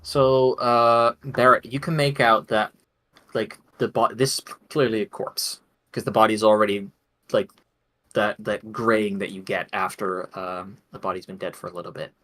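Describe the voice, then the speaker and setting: A man's voice: lowish voice, fairly even intonation, normal speed, a bit bright. A man narrating a tabletop game as game master, chatty, with frequent laughs and many fillers.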